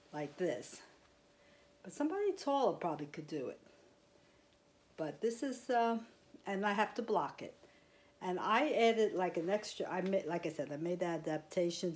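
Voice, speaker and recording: A woman's voice: on the low side, darkish tone. A woman vlogging at home, chatting about her crochet in a rambling, casual way. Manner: rambling, chatty, with fillers and small laughs. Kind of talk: casual show-and-tell. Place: quiet home, indoors. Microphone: clip-on mic.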